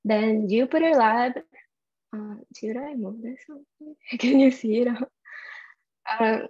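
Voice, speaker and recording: Presenting a tech talk at a conference, a young woman from Brazil explains her material with plenty of ums and uhs and a Brazilian Portuguese accent. She has a fairly high, darkish voice, and the recording has its highs cut off.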